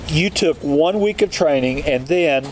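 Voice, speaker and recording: Man, podcast host, halting delivery full of fillers, windy outdoor recording. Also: fairly high pitch. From Kentucky. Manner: halting, many fillers and restarts. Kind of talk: casual interview. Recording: outdoor recording with wind noise.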